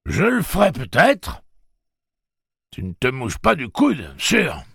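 A menacing old pirate sneers out coarse taunts in a raised, gravelly voice, as a man puts him on. He swoops up and down as he gloats, gleeful and crude. It sounds like a storybook reading. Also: mid-range voice, huge pitch swings, takes it slowly, a bit bright, no echo, clean studio sound, pitched above the performer's own voice, full character voice. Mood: taunting.

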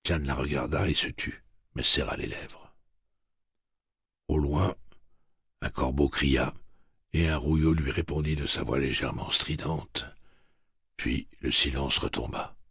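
A man narrating an audiobook in a steady, measured reading. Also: very deep voice, slightly rough, no room sound, clean studio sound. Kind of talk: scripted narration.

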